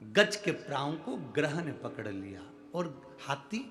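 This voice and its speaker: A man's voice: medium pitch, big pitch swings, slow pace, pushed and bright. A middle-aged man preaching a devotional sermon, emphatic and calling out to the audience for responses. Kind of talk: devotional sermon to a large crowd.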